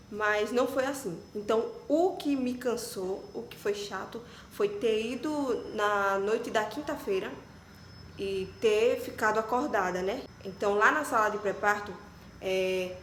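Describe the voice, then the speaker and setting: A woman's voice: a little high, slight background noise. Chatty Brazilian woman in echoey room. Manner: chatty and animated, many fillers like "tipo" and "né". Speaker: vlogger. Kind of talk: casual personal storytelling. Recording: echoey room with faint ambience.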